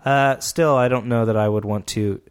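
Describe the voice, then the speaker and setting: A man co-hosting a podcast in casual chat, rambling with lots of fillers and halting restarts. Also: mid-range voice, fairly even intonation, clean tone. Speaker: podcast co-host.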